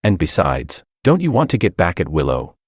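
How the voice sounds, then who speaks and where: A man voicing a sweetly scheming young woman who talks softly and coaxingly, with a low voice and dry sound. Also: wildly swooping pitch, normal speed, husky, no room sound, exaggerated voice. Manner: soft, coaxing.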